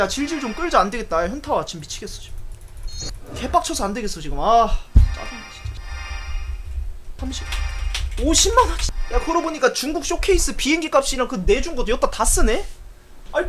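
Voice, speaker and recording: Woman game streamer, high voice all over the place, cursing and groaning at bad drops, quiet music in the back. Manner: exasperated, swearing, loud groans and exclamations; reads viewer donation messages aloud. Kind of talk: live-stream loot box opening commentary.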